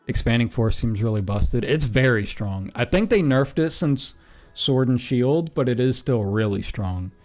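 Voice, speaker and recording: A relaxed male streamer in a mid-range voice muses aloud, pausing on ums and correcting himself as he goes. His talk is casual and unscripted. Faint music plays underneath. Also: medium pitch. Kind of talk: casual stream commentary while building a team.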